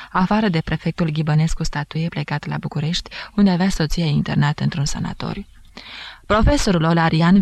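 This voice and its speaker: A woman narrating a novel aloud in a measured, even reading. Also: deep voice, vocal fry, no room sound. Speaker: audiobook narrator. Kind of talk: scripted literary narration.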